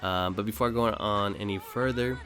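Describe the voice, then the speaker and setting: This gaming video host, fairly low-pitched and talking at normal speed, rambles casually and hesitantly as he thinks aloud in a voice-over on gameplay. Music sits beneath the voice.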